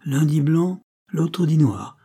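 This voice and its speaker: A weary, practical male police sergeant speaking in plain official terms. His voice is dark and a little husky, done by a man reading a storybook. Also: fairly high pitch, slow, voice pushed up. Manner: matter-of-fact, official.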